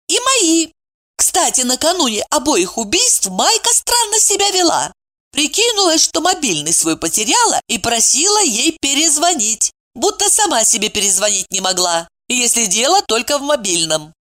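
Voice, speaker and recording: A woman's voice: sits high, sing-song, normal speed, bright, forceful tone, voice pushed up, heavily acted. A woman voicing a sly, gossipy woman friend who needles and nags. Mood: needling.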